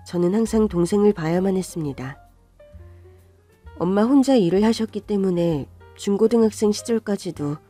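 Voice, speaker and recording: A woman narrating a first-person life story in a calm, subdued way. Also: medium pitch.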